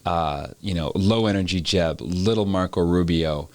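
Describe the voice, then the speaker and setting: A very deep-voiced man hosts an interview, talking in a measured, reflective way with frequent pauses. His voice sounds dry and close, with no room echo. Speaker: host. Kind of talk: interview conversation.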